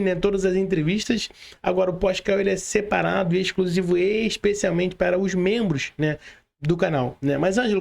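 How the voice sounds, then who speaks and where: Speaking in a creaky, high-pitched voice, a Brazilian man hosts an online interview for his podcast. His talk is loose and slangy, sprinkled with small tag questions.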